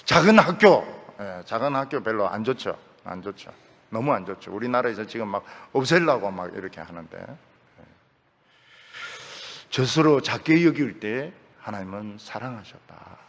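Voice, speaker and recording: An older man with a Gyeongsang accent preaches a sermon as a pastor in a church sanctuary, folksy and joking, repeating his key phrases. His voice sits on the low side with a fairly bright tone, lively intonation, and normal speed. The recording carries the reverb of a church hall.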